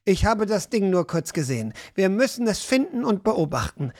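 A woman reading an audiobook, voicing a burdened male guard captain in a lowered, hesitant, serious voice. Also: big pitch swings, normal speed, a little mellow.

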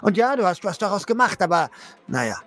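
A man's voice: high-pitched, big pitch swings, fairly quick, fairly bright tone. An actor playing a young father who stammers and pleads heatedly, defending the respectable life he has built.

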